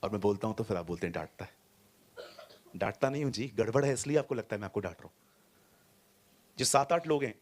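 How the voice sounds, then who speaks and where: An animated male pastor preaches to a congregation in a church hall. He swings from loud, pressing lines to soft, low asides and drops English words into his speech. His pitch sits in the middle range. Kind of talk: sermon.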